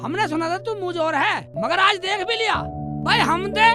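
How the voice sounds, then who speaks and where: A man's voice: very high voice, normal speed, music in the background. A man playing a bumbling, melodramatic village husband in a slapstick comedy film, whining and wailing. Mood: coaxing. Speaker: comic lead.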